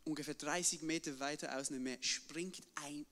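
A young man telling a personal story live to an audience, animated and often ending sentences with a questioning tag. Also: a little high, moderate pace. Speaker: storyteller on stage. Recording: reverberant hall.

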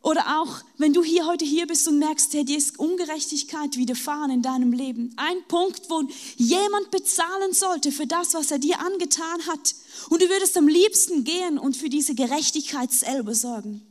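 A woman with a high voice preaches a sermon. She speaks directly to her listeners and voices invitations as though Jesus were calling them home. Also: moderate pace, darkish tone.

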